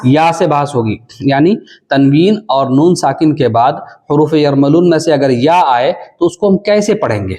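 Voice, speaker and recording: A man's voice: a little high, animated, mellow. A man teaching a Quran reading class, spelling out syllables and stretching them into a nasal sing-song. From South Asia. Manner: drawn-out syllables. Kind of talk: spelling-out recitation lesson.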